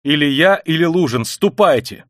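A man's voice: medium pitch, animated, normal speed, dry recording, studio quality, lightly acted. A man reading an audiobook voices a feverish, exhausted young man who speaks in irritable, clipped demands. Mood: commanding.

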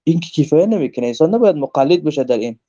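A man's voice: on the high side, expressive, dark tone, dull audio. A man with a Tajik accent giving a religious lesson, reading from a book and explaining each quoted verse in earnest, emphatic tones. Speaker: religious teacher.

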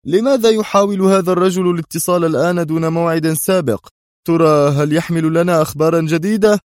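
A man's voice: fairly high pitch, lively intonation, moderate pace, dry recording, clean studio sound. A man doing a nervous, irritable president. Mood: tense. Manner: tense, irritable. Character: nervous irritable male president, middle-aged.

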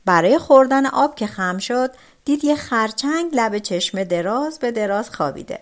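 A woman narrating a folk tale as an audiobook, dramatic and expressive. Her voice is fairly high and moves through a wide, animated melody. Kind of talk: storybook narration.

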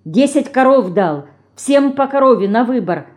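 A woman's voice: fairly high pitch, expressive, a little mellow, pitched above the performer's own voice, lightly acted. Woman voicing Dinka, breathless eager girl. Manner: rushed, out of breath.

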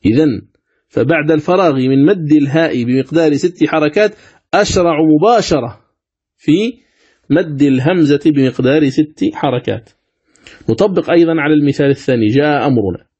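A man giving a Quran recitation lesson, explaining step by step and chanting examples with long, drawn-out vowels. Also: a little high, a little mellow, slightly rough. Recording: dull lo-fi recording.

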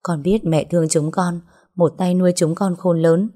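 A woman doing a sobbing, pleading young woman, tearful, mellow low voice. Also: fairly even intonation, normal speed, lightly acted. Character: tearful young woman begging for her sisters.

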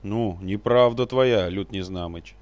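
A man's voice: lowish voice, measured pace, darkish tone, no echo, lightly acted. A man reading a story aloud and voicing a gloomy, stubborn male captain who defends himself sullenly.

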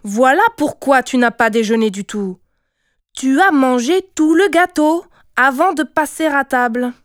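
A woman voicing a stern mother gorilla who scolds loudly and sharply in a storybook. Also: high voice, measured pace, dry recording, clean studio sound, voice pushed up. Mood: angry.

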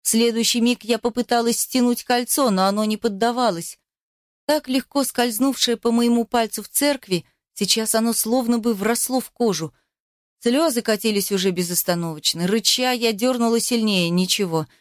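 A woman reading a first-person novel aloud in an emotional, expressive way. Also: fairly high pitch, normal speed, dry recording, studio quality. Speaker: audiobook narrator.

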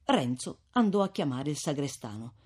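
A man narrating a classic novel as an audiobook, in an expressive, dramatic reading. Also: on the high side, moderate pace, slightly rough. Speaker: audiobook reader.

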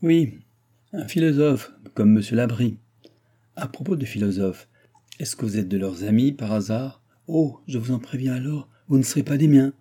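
A man voicing a grumbling old aristocratic baron who blusters and mocks, with loud outbursts, in an audiobook. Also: mid-range voice, normal speed, breathy edge, pitched above the performer's own voice, lightly acted. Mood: sardonic. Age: older. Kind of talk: audiobook character voice.

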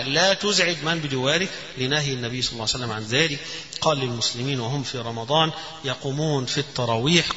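A man's voice: medium pitch, bright, forceful tone, slight background noise. A man with an Egyptian Arabic accent, teaching a religious text. He reads passages aloud, explains them step by step, and demonstrates the correct recitation. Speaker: Islamic scholar teaching a fiqh text. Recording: echoey hall, dull lo-fi sound.

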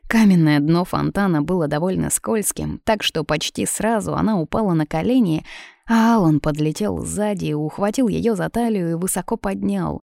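Calm female storyteller, low and gravelly, close dry read. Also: normal speed, no echo. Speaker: audiobook narrator. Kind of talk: scripted narration.

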